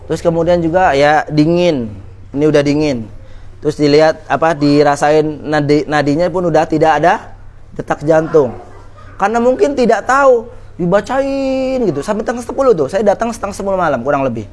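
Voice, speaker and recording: A man with a fairly high-pitched voice, speaking a little fast, gives an Islamic study lecture to women. His manner is conversational, and he often asks his listeners questions.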